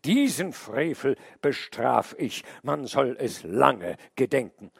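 A man's voice: mid-range voice, big pitch swings, slow, creaky, breathy edge, no room sound, studio quality, exaggerated voice. A man voicing an angry noble king of beasts swearing a stern oath in a storybook reading.

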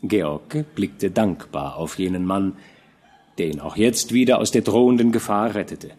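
A man narrating a classic novel as an audiobook in an expressive, measured storytelling manner. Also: on the low side. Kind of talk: scripted literary narration.

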